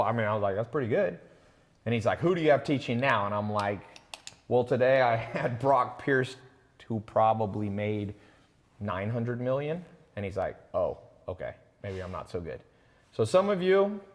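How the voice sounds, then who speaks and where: A man's voice: on the low side, long reverb tail. A man hosting a live online sales talk, chatting casually, boasting and reading out viewers' names. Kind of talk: casual live-stream pitch.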